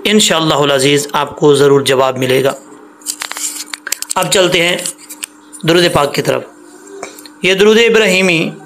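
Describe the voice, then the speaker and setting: A man with a gravelly, slightly raised voice teaches an online recitation lesson. He explains patiently, repeats each rule and slowly stretches out syllables to demonstrate. A faint hiss of background noise sits under the recording. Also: on the high side, a bit bright.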